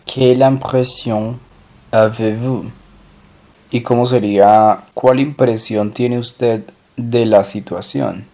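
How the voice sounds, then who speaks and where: A man teaching French in a recorded lesson, slowly drilling and repeating each phrase. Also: medium pitch, fairly even intonation, warm tone. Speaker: language teacher.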